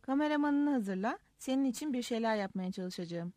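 A woman's voice: fairly high pitch, expressive, a little fast, mellow, no echo, close to an everyday voice. A woman reading aloud and voicing a cool, dry male lawyer who talks in an icy, understated way. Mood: dry teasing.

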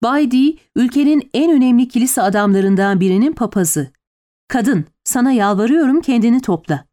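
A woman voicing a tired, calm nobleman who speaks low and patiently in an audiobook. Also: normal speed, natural voice. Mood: weary.

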